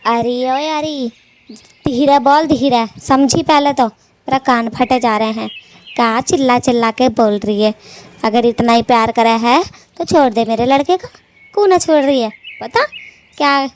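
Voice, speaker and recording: This is a sharp-tongued old mother-in-law bird from a cartoon, acted by a woman, with a high voice. She taunts and scolds in rustic village speech and never lets up. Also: moderate pace, natural voice. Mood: scolding.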